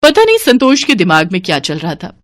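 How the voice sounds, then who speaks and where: A woman narrates a cartoon family story in a plain, steady storytelling manner. Her voice is low-pitched and the recording sounds dry and close. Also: a little fast, no echo. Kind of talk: scripted narration.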